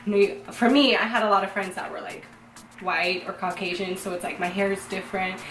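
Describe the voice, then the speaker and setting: A young woman hosting a casual chat with her sisters, talkative and quick to laugh. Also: mid-range voice, fairly even intonation. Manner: chatty, laughs easily. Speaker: channel host. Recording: echoey room, mic at a distance. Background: music playing.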